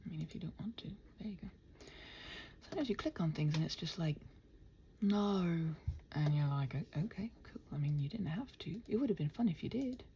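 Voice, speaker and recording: Working on camera as a channel host, a woman mutters and rambles to herself in a scattered, body-doubling ASMR way, often drifting toward a whisper while playfully addressing the computer and acting out imagined exchanges. Her voice is fairly low, mellow and expressive, a little fast, with slight hiss or hum.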